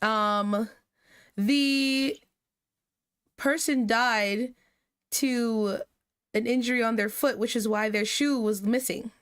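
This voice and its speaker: A woman host playing judge in a mock courtroom role-play on a livestream. She speaks slowly in a slightly high voice. Her delivery is rambling and casual. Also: steady tone, fairly bright tone, clear, resonant tone. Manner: slow, rambling, breaks into laughter. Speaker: stream host acting as judge.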